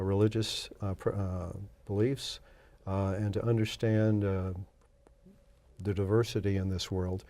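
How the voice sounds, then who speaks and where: A man in his sixties from Oklahoma, answering interview questions thoughtfully, pausing often with fillers. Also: lowish voice, dark tone, no room sound. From Oklahoma, USA. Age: 60s. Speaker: interview guest.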